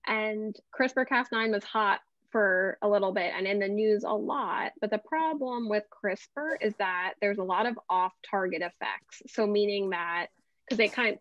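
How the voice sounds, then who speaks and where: A woman's voice: medium pitch, fairly bright tone, no room sound. Friendly woman on a muffled video call. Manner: friendly, laughs often, explains patiently. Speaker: genetic counselor guest speaker. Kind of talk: explaining science to patients on a video call. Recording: dull, dry video-call audio.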